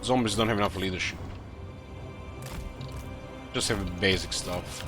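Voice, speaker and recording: A man giving casual, halting commentary on a strategy game as he plays, thinking aloud. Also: low-pitched, fairly even intonation, over music. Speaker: gamer commentating own play.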